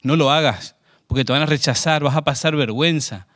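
A man's voice: a little high, brisk, fairly bright tone. A man preaching a sermon in a conversational way, often asking the congregation questions.

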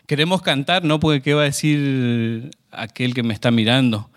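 A man's voice: mid-range voice, steady tone, moderate pace, a bit bright. Conversational preacher man. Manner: conversational, asks the congregation questions. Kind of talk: sermon.

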